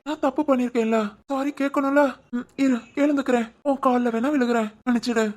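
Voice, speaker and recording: Someone doing a sorry young cartoon husband, tirunelveli accent, high voice, begging forgiveness. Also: steady tone, a little fast, darkish tone, natural voice. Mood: remorseful. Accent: Tirunelveli Tamil. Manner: apologetic, pleading. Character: young husband, remorseful and affectionate. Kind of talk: animated family drama dialogue.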